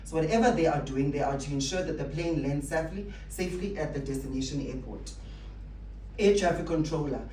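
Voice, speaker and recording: A motivational speaker addresses staff in a brisk, slightly mellow mid-range voice, emphatic and full of rhetorical questions and repetition. The recording is echoey, with a distant mic and faint noise.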